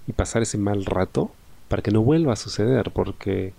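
Low gravelly Peruvian man. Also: moderate pace, dark tone. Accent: Peruvian Spanish. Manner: reflective, conversational, ends phrases with a questioning tag. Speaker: podcast host. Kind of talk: solo podcast monologue.

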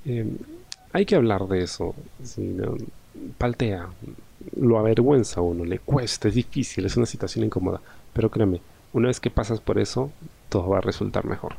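A man's voice: on the low side, normal speed, creaky, warm tone, husky. A young man with a Peruvian Spanish accent hosting a solo podcast, talking in a reflective, conversational way and often ending phrases with a questioning tag. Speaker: podcast host.

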